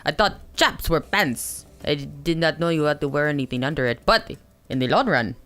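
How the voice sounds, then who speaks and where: A player at a tabletop game, playful and quick with jokes. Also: medium pitch, expressive, fairly bright tone. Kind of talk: casual tabletop chat.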